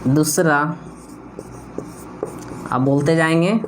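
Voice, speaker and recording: A man gives an English grammar video lecture. He drills students by asking questions and answering them himself. He is insistent, and keeps correcting words slowly and repeating them. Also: on the high side, fairly even intonation, slight background noise. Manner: corrective, insistent about pronunciation. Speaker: English teacher.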